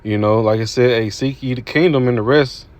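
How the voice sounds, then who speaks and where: Speaking fairly quickly in a medium-pitched, slightly mellow voice, a man comments casually on religion over video clips. His manner is easygoing and repetitive, packed with fillers and frequent uses of "you know what I'm saying."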